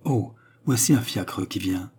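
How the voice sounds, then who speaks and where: A man's voice: on the low side, unhurried, darkish tone, breathy edge. A man reading an audiobook voices an anxious, overjoyed young father who talks breathlessly and gushingly.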